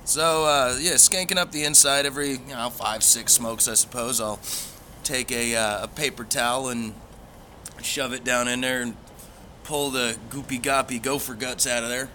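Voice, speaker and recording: A man with a bright, forward voice chats casually as if to online regulars. He rambles along in an easygoing, folksy way. There is some faint background noise behind him. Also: medium pitch, fairly even intonation, moderate pace. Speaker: pipe hobby vlogger. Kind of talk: casual livestream chat.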